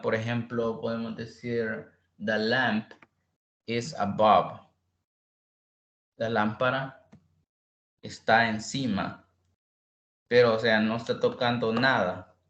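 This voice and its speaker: Male tutor, unhurried, repeats vocabulary, checks students; roomy echo. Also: mid-range voice, fairly bright tone, dull audio. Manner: repeats words slowly, quizzes students. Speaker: English tutor. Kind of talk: online English lesson.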